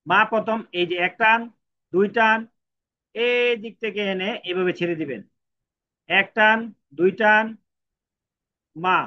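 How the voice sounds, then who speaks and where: Male language tutor, high bright voice, lo-fi sound, patient stroke-by-stroke delivery. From Bangladesh. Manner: repetitive, counts out each stroke. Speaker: Japanese language teacher. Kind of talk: step-by-step writing lesson. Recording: dull lo-fi recording.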